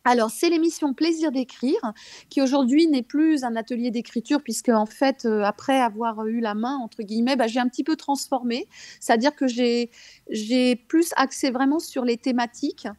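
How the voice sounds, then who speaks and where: Female interview guest, Parisian French accent. Higher register, hesitant conversational delivery, dry recording. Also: normal speed, darkish tone, no echo. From Paris, France. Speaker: guest, author and radio columnist. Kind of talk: conversational interview, personal account.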